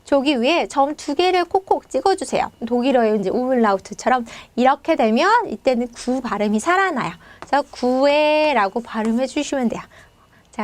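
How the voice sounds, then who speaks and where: A woman teaching a Spanish pronunciation lesson, explaining patiently and saying each example word slowly twice. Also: sits high, no room sound.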